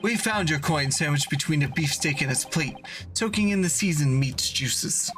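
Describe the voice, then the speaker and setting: A man streaming a game, reading its courtroom dialogue aloud in a measured, earnest way. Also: a little high, expressive, fairly bright tone, faint music behind.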